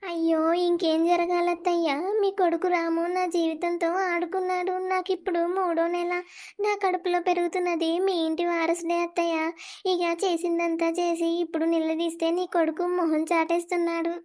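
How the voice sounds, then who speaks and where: A performer voicing a scheming young village woman in an animated drama, wailing and taunting in turn. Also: very high-pitched, moderate pace.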